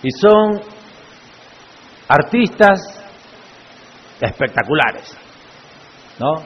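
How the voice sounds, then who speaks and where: High-voiced male pastor preaching slowly. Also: sing-song, slightly rough. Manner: preaching with frequent rhetorical questions to the congregation. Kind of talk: sermon. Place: church. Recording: echoey church hall, muffled lo-fi sound.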